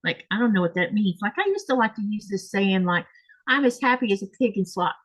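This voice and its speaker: In a home craft room, a woman with a Southern accent from Florida, US, hosts a relaxed chat as she sews and reads comments. She rambles, corrects herself and uses plenty of fillers. Her mid-range voice is animated and brisk, with slight background noise behind it.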